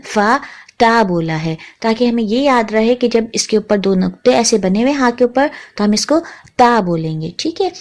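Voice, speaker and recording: A woman teaching a tajweed lesson, patiently naming letters one by one and repeating each sound slowly. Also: on the high side. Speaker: Quran recitation teacher.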